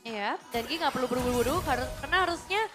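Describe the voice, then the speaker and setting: An Indonesian woman casts an esports match in a very high voice. She delivers live commentary and analysis over clearly audible music. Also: quick pace. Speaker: esports shoutcaster.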